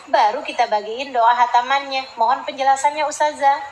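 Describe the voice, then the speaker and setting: High-voiced woman preacher, chatty and teasing. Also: fairly even intonation, a little fast, echoey room, noisy background. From Indonesia. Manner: chatty, teasing, laughing asides. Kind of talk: casual sermon answering questions.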